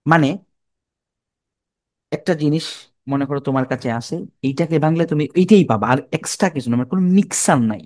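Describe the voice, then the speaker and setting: A man's voice: on the high side, fairly quick, long pauses, darkish tone, no echo. Bangladeshi man teaching chemistry, dry sound. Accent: Bangladeshi Bengali. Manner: informal, asks students questions and answers them himself; repeats terms, colloquial speech. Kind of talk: classroom lecture to students.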